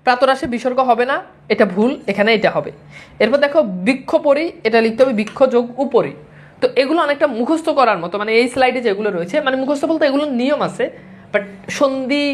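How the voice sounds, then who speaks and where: A woman teaching grammar, rattling through corrections at speed. Her voice sits fairly high, and she repeats each wrong and right form like a classroom drill. English words slip into her lecture now and then. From Bangladesh. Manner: brisk and repetitive, drilling wrong and right forms; mixes English words into speech. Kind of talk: classroom-style lecture to exam students.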